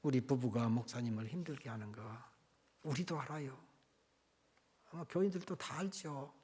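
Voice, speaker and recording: A man voicing a remorseful male church deacon who apologizes in a hushed, contrite way. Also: medium pitch, moderate pace, breathy edge, natural voice.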